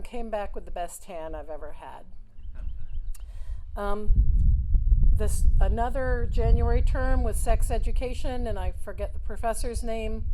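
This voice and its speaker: A woman's voice: medium pitch, a little mellow, rough recording. A woman in her fifties who grew up in Switzerland, giving a rambling personal speech at a memorial with many "um" fillers. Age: 50s. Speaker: alumna speaker.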